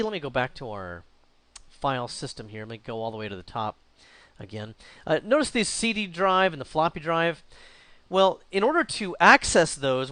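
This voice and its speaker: A man teaching a screen-recorded software tutorial, explaining at an easygoing pace while thinking aloud with small restarts. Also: on the high side, clear, resonant tone, no room sound. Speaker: instructor.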